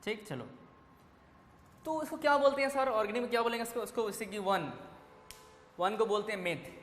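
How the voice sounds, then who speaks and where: High-voiced man teaching in an echoey classroom. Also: brisk, fairly bright tone. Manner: repeats questions to students and answers them. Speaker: chemistry teacher. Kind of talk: classroom lecture. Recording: echoey classroom with faint ambience.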